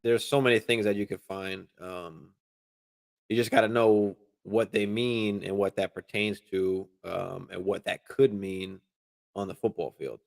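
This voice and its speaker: A man hosting a live fantasy football stream, answering viewer questions in a relaxed, casual way, swearing freely and using lots of fillers and restarts. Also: low voice, a little slow, creaky. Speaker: fantasy football show host.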